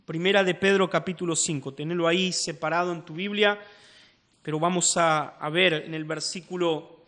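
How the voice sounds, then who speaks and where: A man with an Argentine Spanish accent delivers a church sermon, his voice high and bright, with a forceful edge. He drops into quiet asides, then rises into urgent exhortation. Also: fairly even intonation, normal speed. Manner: emphatic, swinging between quiet asides and raised exhortation. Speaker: pastor.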